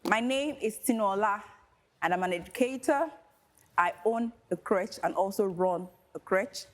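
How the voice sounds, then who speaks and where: A woman's voice: medium pitch, normal speed. A woman speaking as a game show contestant, giving brief answers and introducing herself.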